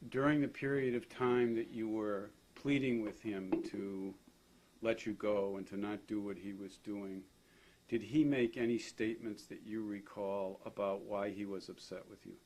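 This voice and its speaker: Attorney, male, slightly low voice, methodical measured questioning. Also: fairly even intonation, background noise. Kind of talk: deposition questioning.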